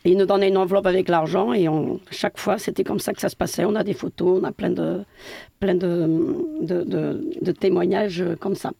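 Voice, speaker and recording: A woman's voice: lowish voice, fairly even intonation, a little fast, vocal fry, warm tone, no room sound. A middle-aged woman from Portugal, a building caretaker answering interview questions hesitantly with many fillers and restarts.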